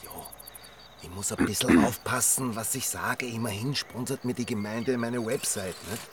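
A male actor with a medium-pitched voice and an Austrian accent plays a cagey, gossipy village chronicler in a radio drama. He speaks at normal speed in a cautious, confiding manner, sounding natural but far from the mic, with a crowd audible in the background.

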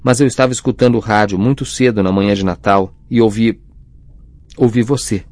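A man voicing a flustered teenage boy wizard who tells his story in a hurried, defensive way in an audiobook. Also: on the low side, steady tone, darkish tone, no echo, close to an everyday voice. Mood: earnest.

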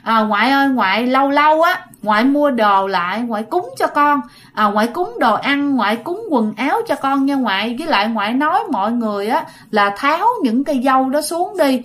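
A woman's voice: high voice, lively intonation, a little fast, a bit bright. A woman voicing the ghost of a young girl under ten who sulks and pleads in a childish, whiny way. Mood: sulky pleading.

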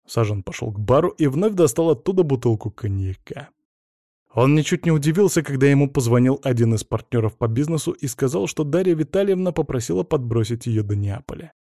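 A man narrating a novel in an even, measured reading. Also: mid-range voice, no room sound, studio quality. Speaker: audiobook narrator. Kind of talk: scripted narration.

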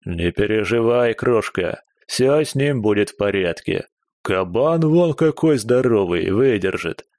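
A man's voice: on the low side, animated, a little slow, a little mellow, no echo, studio quality. A man voicing a swaggering, brutish male thug who talks in a sneering, coarse way. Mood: mocking. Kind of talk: audiobook character voice.

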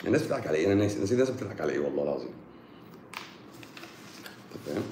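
A man's voice: low voice, rapid-fire, reverberant, slight background noise. A man with an Egyptian accent, a doctor giving a casual, joking talk on health in colloquial speech. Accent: Egyptian Arabic. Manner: joking, colloquial, animated explaining.

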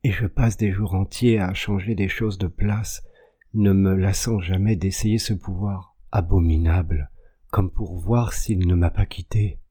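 A man narrates a literary audiobook in a measured, dramatic way. His voice sits very low and mellow. It has a husky, slightly breathy grain. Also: steady tone. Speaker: audiobook reader.

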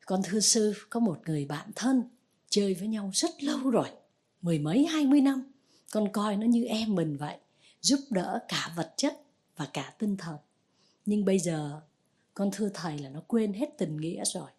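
A woman's voice: mid-range voice, expressive, normal speed, a little mellow, slightly rough. A woman voicing a troubled male lay Buddhist disciple who pleads and defends himself.

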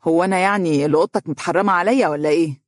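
A narrator voicing a sharp-tongued, jealous young wife in an audiobook story, speaking quick, cutting Egyptian Arabic. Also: female voice, on the low side, no room sound, clean studio sound, natural voice. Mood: irritated.

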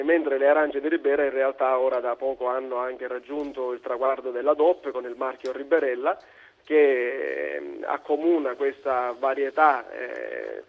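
A man with a Sicilian accent giving unscripted interview answers, haltingly searching for his words. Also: medium pitch, vocal fry. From Sicily, Italy. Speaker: interview guest, fruit producer. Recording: narrow tinny phone-like line.

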